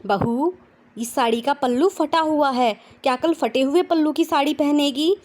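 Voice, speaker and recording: A woman voicing a middle-aged mother-in-law who speaks in a measured, firm, kindly instructing way. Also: high-pitched, a little mellow, voice pushed up, lightly acted.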